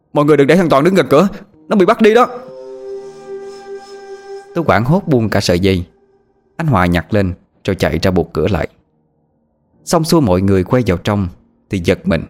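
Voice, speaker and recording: A man narrating a ghost story in first person, steady and plain. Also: deep voice.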